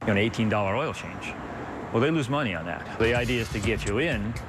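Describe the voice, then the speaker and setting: Low-voiced older male mechanic. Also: fast talker, noisy background. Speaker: veteran auto mechanic, interviewee. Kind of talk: candid conversational interview.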